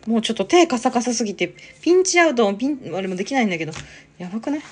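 A woman's voice: on the high side, big pitch swings, rapid-fire. Chatty woman live-streaming with faint music. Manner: chatty, reads viewer comments aloud, exclaims and laughs often. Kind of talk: casual live-stream chat.

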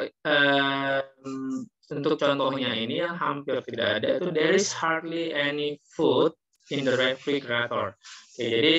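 A man's voice: medium pitch, bright, forceful tone. A man teaching an English class online, explaining patiently and mixing in English phrases, his voice carrying a heavy echo. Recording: muffled, echoey online class audio.

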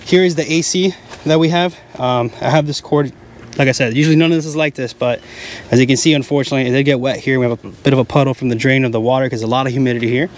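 A man's voice: mid-range voice, steady tone, fast talker. A man in his thirties casually walking through a big camping tent, chatty and explaining as he points things out, speaking into a handheld mic. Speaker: camping vlogger giving a tent tour. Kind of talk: casual walkthrough. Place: inside a large tent at a wooded campground. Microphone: handheld mic in hand.

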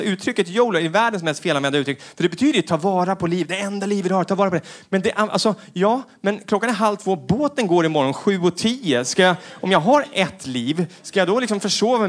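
A middle-aged man doing stand-up comedy on a theater stage, acting out other people with sudden high-pitched shouts. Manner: animated, acts out quotes with sudden high shouts.

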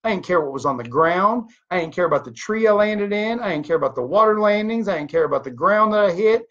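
A high-pitched, quick-talking man of thirty-nine, a network marketing leader, gives an emphatic motivational talk to a desk webcam in his home office. He peppers it with rhetorical questions and animated hand gestures, and the recording has dull, lo-fi webcam sound.

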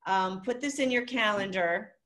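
A woman's voice: medium pitch, normal speed, a bit bright. Upbeat woman hosting a video meeting. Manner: upbeat, directive, rallying attendees. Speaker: meeting host. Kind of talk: virtual office meeting. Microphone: video call.

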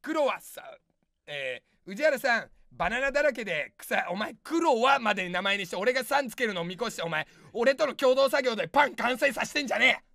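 High-pitched man shouting angry retorts. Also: lively intonation, fairly quick, gravelly, no room sound, clean studio sound. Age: 30s. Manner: snapping, ranting retorts with frequent shouted outbursts. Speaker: comedian streamer. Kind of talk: improvised angry comment replies on a livestream. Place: studio.

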